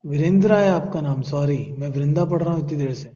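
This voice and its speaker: A male teacher with an Indian accent, giving an online class and urging his students to answer quickly, mixing Hindi with English. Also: fairly high pitch, warm tone. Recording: dull echoey room sound.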